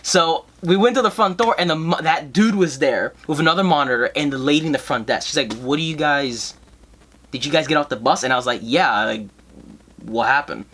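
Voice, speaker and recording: Bright, animated young man swearing freely. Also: fairly high pitch, fairly quick. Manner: animated, swears a lot, laughs often. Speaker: podcast co-host. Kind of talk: casual chat.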